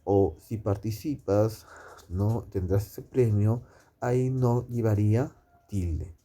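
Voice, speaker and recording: A man teaching a grammar lesson, explaining slowly with many fillers and tag questions. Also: lowish voice, warm tone.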